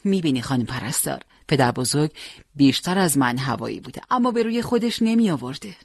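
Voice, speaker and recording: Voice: mid-range voice, expressive, vocal fry, slightly rough, dry recording. A storyteller voicing a young wounded fighter, impatient and determined to leave the hospital, in a dry recording. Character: young wounded male fighter, eager and restless.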